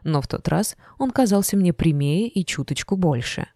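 A woman narrating a first-person audiobook in an expressive storytelling voice. Her tone is mellow and somewhat low, and the close mic sounds dry with no room sound at all. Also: normal speed, dry recording.

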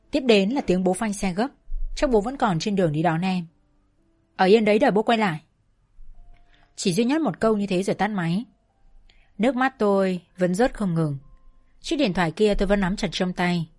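A woman narrating a first-person family story in a soft, emotional way. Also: mid-range voice, expressive, moderate pace, faint music behind.

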